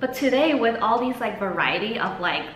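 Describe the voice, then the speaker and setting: A bright, forward-voiced woman chats casually as she eats crunchy fried chicken on a mukbang show. The room echoes a little and faint music plays behind her. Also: fairly high pitch, expressive, moderate pace. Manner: eating crunchy fried chicken while talking. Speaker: mukbang channel host. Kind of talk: casual chat while eating fried chicken. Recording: roomy echo, faint background music.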